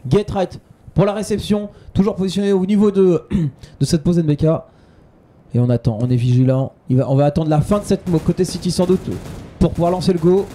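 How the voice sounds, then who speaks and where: A man's voice: high-pitched, animated, fairly quick, mellow. A man giving live play-by-play commentary on an esports match.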